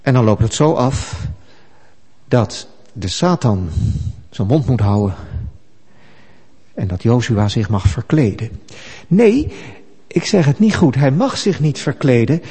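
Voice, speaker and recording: A man preaching a sermon, emphatic and animated. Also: medium pitch, slow pace, slightly rough, long reverb tail.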